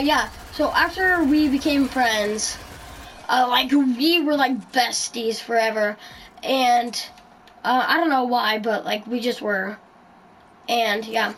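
A woman hosting a casual podcast chat, rambling through her story. Her voice sits high and she takes her time, pausing on plenty of ums and likes. There is a faint hiss behind her. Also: low-quality recording. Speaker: podcast host.

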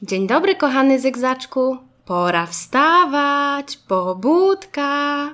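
A gentle mother car from a children's storybook, read by a woman, coaxing in a sing-song, lively voice. She is loving but brisk. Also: high voice, voice pushed up, full character voice. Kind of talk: storybook reading.

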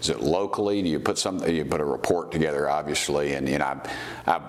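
A man's voice: extremely low pitch, fast talker. A middle-aged man, interviewing in a casual, folksy, informal way. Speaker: interviewer, host.

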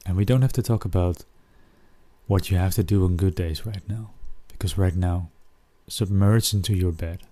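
A man narrating a soothing guided relaxation like a sleep story, speaking gently in short phrases with long pauses. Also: sits low, no room sound.

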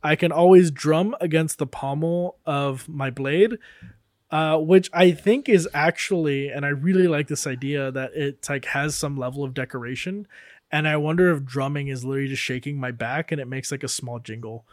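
A man's voice: a little high, steady tone, moderate pace, no room sound, studio quality. A man playing in a tabletop game, musing aloud about his character with frequent fillers. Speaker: player. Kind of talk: casual tabletop game chat.

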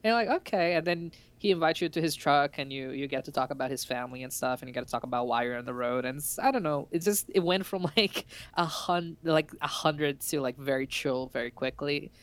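A man's voice: mid-range voice, fairly quick, few pauses, smooth. A man co-hosting a casual podcast chat about games, telling stories with lots of laughter and acted-out quotes. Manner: animated storyteller, acts out quotes, laughs often. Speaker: podcast co-host.

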